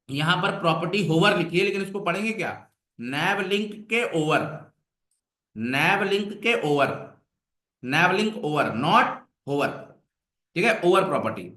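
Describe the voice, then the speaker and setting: A man's voice: high-pitched, pushed and bright. Echoey coaxing male coding instructor. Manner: coaxing, repeats questions to the class. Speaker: web development instructor. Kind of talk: classroom coding lesson. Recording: echoey room.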